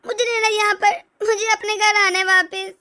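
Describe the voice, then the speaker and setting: A woman voicing a spoiled young married daughter in an animated story, sobbing and whining through her complaints. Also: extremely high pitch, normal speed. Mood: tearful. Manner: sobbing, whiny.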